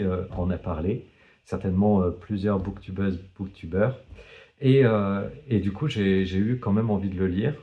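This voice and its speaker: Slow, hesitant man with a dark voice. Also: on the low side. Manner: hesitant, many fillers and restarts; self-deprecating humor. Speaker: book vlogger. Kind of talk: casual book review vlog.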